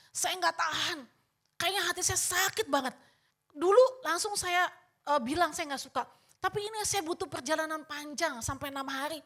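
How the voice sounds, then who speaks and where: A woman's voice: high voice, fairly bright tone. An older woman pastor preaching a sermon, telling a personal story and often addressing the congregation, acting out her own past remarks.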